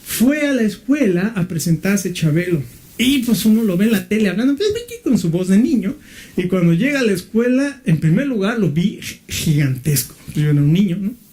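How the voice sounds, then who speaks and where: A middle-aged man from Mexico preaching a sermon as pastor, often asking his listeners questions and filling pauses with "este". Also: high voice, animated, warm tone. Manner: asks the listeners questions, uses fillers like "este".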